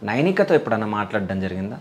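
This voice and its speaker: A woman interviewer asking quick, probing follow-up questions in a conversational interview. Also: a bass voice, very animated, darkish tone.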